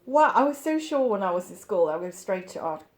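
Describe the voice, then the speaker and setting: A woman in her forties, raised in Sweden, giving thoughtful, hesitant interview answers as an artist, with many pauses and ums. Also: medium pitch, big pitch swings. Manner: thoughtful, hesitant, with frequent ums and light laughs.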